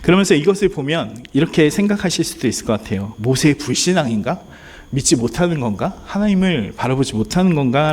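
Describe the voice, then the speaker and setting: In a church sanctuary, a male pastor delivers a sermon, speaking earnestly and directly to the congregation and sometimes acting out pleading prayers. His voice is slightly high and a little mellow.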